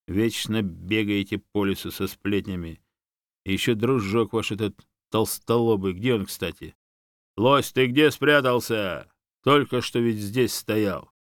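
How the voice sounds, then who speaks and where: A man voicing a bossy male bear who rules the forest, speaking loud and domineering in a storybook reading. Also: lowish voice, no room sound, studio quality.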